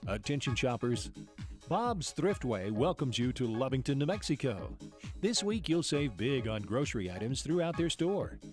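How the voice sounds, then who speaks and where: Man doing a lively supermarket announcement. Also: mid-range voice, moderate pace, faint music behind. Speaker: radio ad announcer. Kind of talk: supermarket-style store announcement ad.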